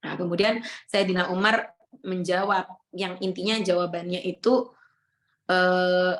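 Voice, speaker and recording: A woman's voice: on the low side, unhurried. Javanese woman teaching a religious study. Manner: relaxed storytelling with Javanese asides. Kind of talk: Ramadan religious study talk.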